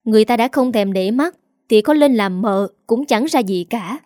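A gloating servant girl from a storybook, voiced by a woman narrator, with a mocking, sharp tongue. The voice sits higher than the narration, mellow in tone and dry. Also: lively intonation, moderate pace, no echo, close to an everyday voice. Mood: scornful. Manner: mocking, scornful.

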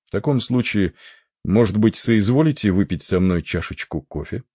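A man voicing a calm, steady ship's chief engineer who talks in an even, quiet way, in an audiobook. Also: lowish voice, normal speed, breathy edge, no room sound, studio quality.

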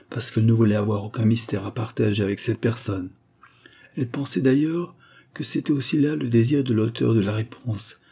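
Low, husky male audiobook narrator. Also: warm tone.

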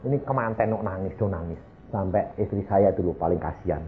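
An older male pastor preaching a sermon, telling a story with loud high exclamations and hushed low asides. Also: brisk, background noise. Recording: echoey, tinny phone-like recording.

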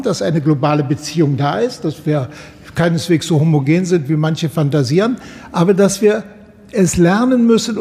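A man talks in long, winding, academic sentences on a radio panel. His voice sits high and sounds soft and mellow. A long reverb hangs on every phrase. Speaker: panel guest.

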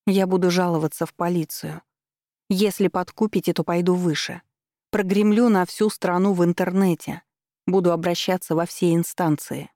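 A woman's voice: fairly low pitch, fairly even intonation, moderate pace, dark tone, no echo, clean studio sound, natural voice. A woman voicing a bitter, defiant young heroine confronting her mother.

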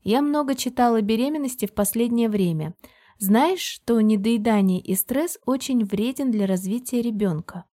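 A woman reading a calm, falsely caring controlling man. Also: fairly high pitch, normal speed, natural voice. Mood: falsely friendly. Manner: even, almost friendly, quietly pressuring. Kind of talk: audiobook character reading.

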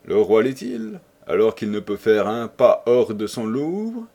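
A man's voice: fairly low pitch, very animated, measured pace, mellow. A man voicing a carefree, mocking young chevalier with swaggering, ironic banter, in an audiobook. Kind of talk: audiobook character voice.

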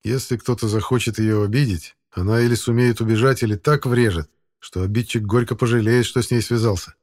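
A man narrating an audiobook in a steady, even storytelling manner. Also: mid-range voice, brisk. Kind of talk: scripted narration.

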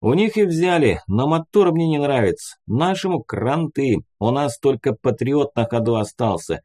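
A man's voice: medium pitch, lively intonation, moderate pace, a little mellow, voice pushed up, lightly acted. A male audiobook reader voicing a blunt, angry mechanic soldier who talks in crude, vehement phrases. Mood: grim.

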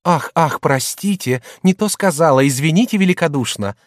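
A man reading an audiobook, voicing a middle-aged merchant's wife who mocks and shouts at her husband. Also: fairly high pitch, lively intonation, moderate pace, dry recording, studio quality, lightly acted. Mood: shouting. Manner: loud, mocking, hectoring.

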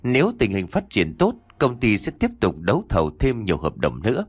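Guy telling a ghost story, low voice that swings a lot, dry close sound. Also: fairly quick, husky, no echo. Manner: lively, dramatic storytelling. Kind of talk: scripted horror narration.

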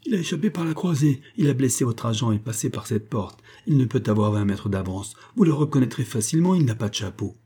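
A man's voice: medium pitch, animated, fast, few pauses, warm tone, husky. A man reading the part of a cool, sardonic aristocratic older marquis, with a languid and mocking delivery.

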